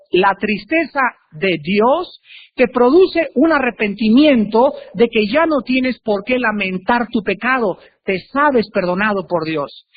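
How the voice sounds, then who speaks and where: A male preacher giving a sermon, emphatic, with sudden swings in pitch and loudness. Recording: tinny phone-like recording with faint hiss.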